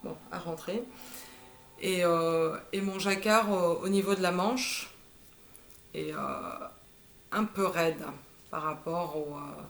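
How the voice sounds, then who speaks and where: Pausing often and speaking slowly, a knitting vlogger in her thirties casually presents her projects in a fairly low voice. She sounds hesitant, with lots of "euh" fillers, and the room echoes.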